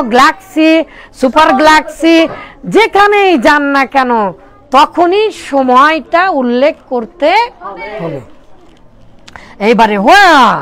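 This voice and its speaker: A woman's voice: high voice, fairly bright tone. A woman teacher giving a classroom lesson, emphatic and repetitive, drawing out English example questions and quizzing the class with rhetorical questions.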